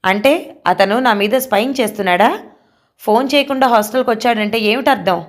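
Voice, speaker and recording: Woman reading as a upset young girl begging her mom, teary and pleading, slightly higher voice. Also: a little fast, lightly acted. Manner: pleading, tearful. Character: distressed young woman, a grown daughter.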